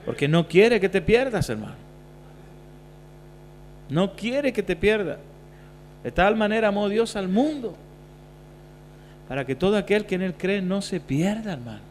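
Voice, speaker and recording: High-voiced preaching man, reverberant hall. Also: expressive, a little slow, pauses often. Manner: preaching with swings from quiet to loud. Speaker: pastor. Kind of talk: sermon. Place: church hall. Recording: reverberant church hall, faint hum.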